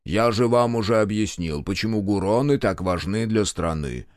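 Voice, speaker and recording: A man voicing a cold, ironic senior official who speaks with quiet menace, in an audiobook. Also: lowish voice, lively intonation, normal speed, dry recording, clean studio sound, natural voice. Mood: mocking menace. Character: stern, sarcastic senior government official, older man.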